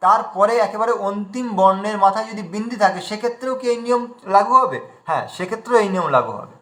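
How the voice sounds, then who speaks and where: A man's voice: high voice, fairly bright tone, roomy sound. A man teaching an online pronunciation class, patiently spelling out letters one by one as he shares his screen.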